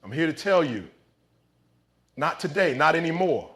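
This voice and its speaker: A man delivering a scripted motivational speech like a halftime pep talk, intense and emphatic, in punchy phrases with dramatic pauses. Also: fairly high pitch, sing-song, a bit bright. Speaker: motivational speaker.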